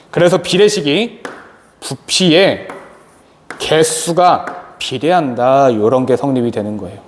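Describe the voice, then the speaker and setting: Man, chemistry lecture, asks and answers his own questions, long reverb, faint background noise. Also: on the high side. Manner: animated, asks the class questions and answers them himself. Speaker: chemistry teacher.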